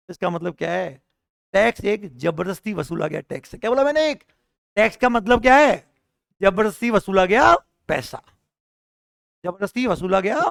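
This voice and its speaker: A man's voice: high-pitched, creaky, dry recording, studio quality. A man with a sore throat, lecturing a class on tax and firing rhetorical questions at the students in a joking, argumentative way. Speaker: tax teacher at a coaching class.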